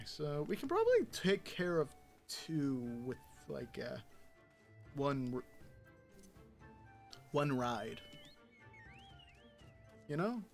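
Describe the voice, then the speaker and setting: Man, gravelly, slow-paced, slightly high voice, casual game commentary, mutters and hums. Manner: muttering, humming and reading game dialogue aloud. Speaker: streamer.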